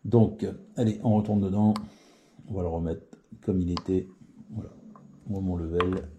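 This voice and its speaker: A man's voice: low voice, steady tone, moderate pace, highs cut off, background noise. A man giving a casual spoken tutorial on radio settings, hesitant, with many fillers and restarts. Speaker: CB radio hobbyist demonstrating settings.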